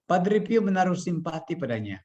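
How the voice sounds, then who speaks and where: A man's voice: high voice, very animated, normal speed, a little mellow. Man from Malaysia, dull lo-fi audio. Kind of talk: devotional talk and reading a story aloud.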